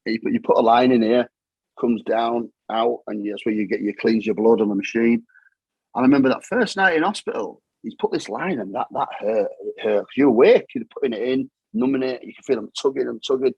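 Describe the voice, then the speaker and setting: A man's voice: medium pitch, brisk, creaky, a little mellow, breathy edge, no echo, lo-fi sound. A middle-aged man with a Yorkshire accent, telling his story in plain-spoken, matter-of-fact talk that often repeats itself. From England. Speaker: guest. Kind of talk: casual storytelling.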